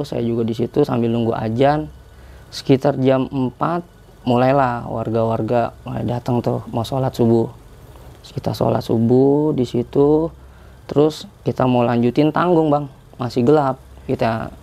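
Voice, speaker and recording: A man's voice: medium pitch, steady tone, measured pace, gravelly, dark tone. A young man casually telling a story as a podcast guest, rambling along and tagging his sentences with fillers. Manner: chatty, rambling, with many filler tags.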